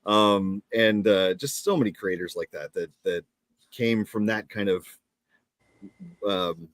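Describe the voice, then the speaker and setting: A man's voice: on the low side, slow pace, no room sound. A man co-hosting a comics talk show in casual chat, enthusiastic and rambling as he searches for words.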